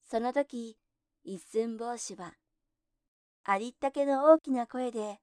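A woman narrating a folk tale in gentle, measured storybook telling. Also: on the high side, no echo, studio quality.

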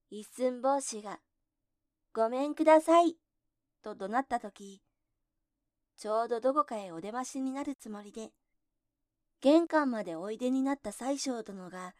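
Woman, storybook narration, gentle and measured, higher voice, dry close sound. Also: no echo.

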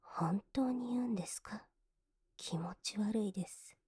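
A young woman playing a cold, scornful maid in an adult audio drama, politely contemptuous and mocking, sometimes dropping into soft whispers to sneer. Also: medium pitch, measured pace, husky, dry recording, studio quality. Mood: disgusted sneer.

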